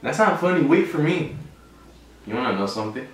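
A young man, bilingual in English and Spanish, chats casually and teasingly, boasting his way through a food challenge. His voice is a little high, animated and a little fast. He sits on a bed in a small, very echoey bedroom, picked up by a camera a few feet away with faint noise.

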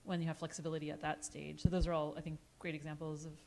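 A woman speaking as a panelist in a conference room through a handheld mic, talking quickly and casually with laughing asides. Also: sits low, level tone, vocal fry, mellow. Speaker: panelist, seminar teacher. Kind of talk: panel discussion.

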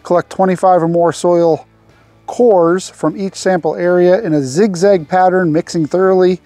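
Relaxed, mellow-voiced homesteader outdoors. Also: male voice, high-pitched, moderate pace, no room sound, soft background music. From Arkansas. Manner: relaxed explaining with fillers. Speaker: homesteading channel host. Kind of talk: casual instructional vlog. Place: outdoors on a farm field. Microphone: lapel mic.

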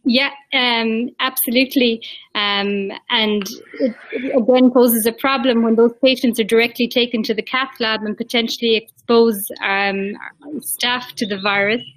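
An Irish woman in her forties, an interventional cardiologist, speaks fluently on a video call from a small indoor room, often repeating words while searching for them. Her fairly high, slightly bright voice keeps fairly even intonation at a moderate pace. The laptop-mic recording is low quality, with no room sound.

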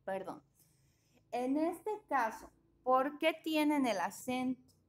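A woman's voice: high voice, expressive, drawn-out words. A woman teaching an English grammar class, explaining patiently and often checking that students follow.

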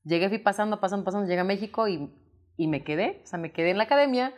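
A woman from Mexico with a Mexican accent, a guest in a casual interview, telling lively anecdotes and acting out quotes. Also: medium pitch, rapid-fire. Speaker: interview guest, singer and actress.

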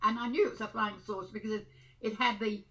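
A very old woman, over a hundred, recalling things in casual conversation and halting now and then to repeat or search for words. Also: medium pitch, fairly even intonation, a bit bright, low-quality recording. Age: over 100. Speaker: interviewee. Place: small room at home, indoors.

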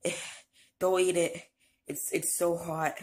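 A woman vlogging casually while in burning pain from a hot pepper, stammering and halting with many fillers. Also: fairly low pitch, flat delivery, darkish tone, a little hiss or hum. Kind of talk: casual vlog.

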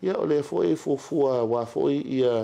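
A man's voice: a little high, fairly quick, vocal fry, dark tone, poor audio. Middle-aged man with a Samoan accent. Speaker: interview guest. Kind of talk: casual interview talk, mixing Samoan and English. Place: indoor interview set.

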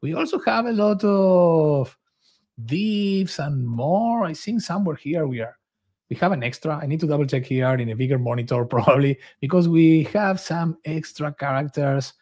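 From a small home office, a software developer advocate with a higher-pitched voice walks through a screen-share coding tutorial in casual narration. His delivery is expressive, enthusiastic and informal, at a moderate pace with a slightly mellow tone.

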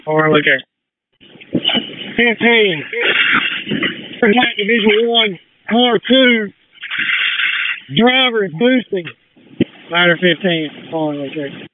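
Higher-voiced man on tinny police-style fire radio. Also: unhurried, pauses often. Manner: terse, procedural. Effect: two-way radio. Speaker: firefighter on incident radio. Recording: tinny radio with faint noise.

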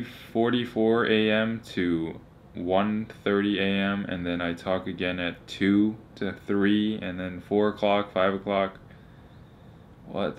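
A man's voice: on the low side, a little hiss or hum. A young man talking casually to camera as a vlogger. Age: young adult. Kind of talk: casual vlog chat.

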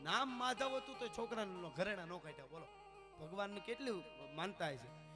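A man telling a folk story live, swinging from soft asides to loud declaiming. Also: high voice, expressive, normal speed, over music. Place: live family function.

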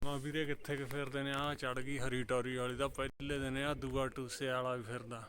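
A man's voice: mid-range voice, little pitch movement, a little fast, a bit bright, slight background noise. Man chatting outdoors with his pigeons. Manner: coaxing pigeons with repeated calls, chatty asides to viewers. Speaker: vlogger. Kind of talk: casual vlog narration while handling pigeons.

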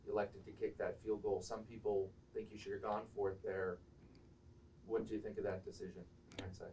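A male reporter with a low, flat voice asks direct questions. He sounds off-mic, with faint room noise around him. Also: fairly quick, recorded from a distance, low-quality recording. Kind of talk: press conference questions.

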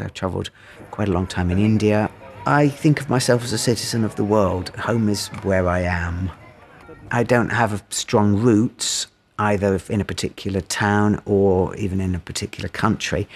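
A British-accented man in his fifties talking about himself in a relaxed, informal interview style. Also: on the low side. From United Kingdom. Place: indoor room, seated.

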